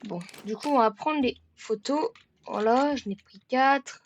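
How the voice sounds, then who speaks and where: A woman giving let's-play commentary in a joking way. She stammers and repeats words, and bursts into shouts at the game. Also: high-pitched, measured pace, background noise. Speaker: gaming video creator.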